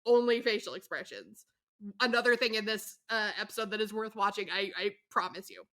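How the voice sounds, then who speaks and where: A woman co-hosting a podcast, recapping a show in a chatty, animated way, full of asides and fillers. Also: mid-range voice, a little fast. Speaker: podcast co-host. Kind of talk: casual chat recapping a reality show.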